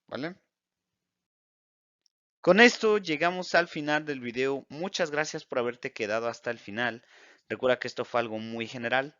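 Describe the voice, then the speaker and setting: A man gives a video lesson on English sounds, explaining in Spanish and slowing down to model English examples. His voice is bright and smooth. The recording is dry and a little dull. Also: medium pitch, no echo. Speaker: English teacher.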